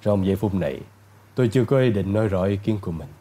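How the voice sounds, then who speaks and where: A male narrator playing a cold, stern old judge who speaks slowly and drily, with the voice lowered. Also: lively intonation, mellow, soft background music, lightly acted. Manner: slow, dry, clipped.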